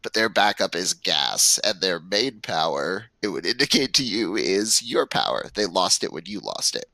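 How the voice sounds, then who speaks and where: A man's voice: sits low, very animated, normal speed, vocal fry, bright, forceful tone, dry recording, rough recording. A man narrating a tabletop game as game master, rambling with many fillers.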